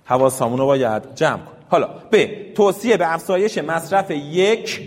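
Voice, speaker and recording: A man with a fairly high voice teaches a class of parents about health, firing questions at the room and coaxing everyone to answer and read aloud together. His voice rings with the long reverb of a large lecture hall. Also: lively intonation. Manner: quizzes the audience and leads call-and-response. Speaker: health educator.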